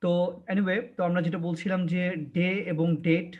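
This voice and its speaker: High-voiced male teacher on a muffled call. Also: level tone, a little mellow. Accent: Bangladeshi. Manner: stretches words slowly to drill pronunciation. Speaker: English teacher. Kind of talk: online class lecture. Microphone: video call. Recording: dull lo-fi online class audio.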